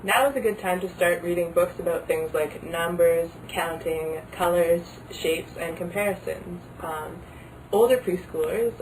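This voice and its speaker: A woman's voice: fairly low pitch, unhurried, a little mellow. A woman giving explanatory advice to parents as an early literacy advisor. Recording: slightly distant mic, faint background noise.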